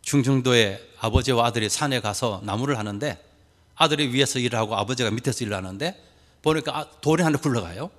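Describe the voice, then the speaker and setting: A man's voice: mid-range voice, fast, a bit bright, in a large hall. A man preaching a sermon to a congregation, asking rhetorical questions and adding folksy, humorous asides. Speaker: pastor.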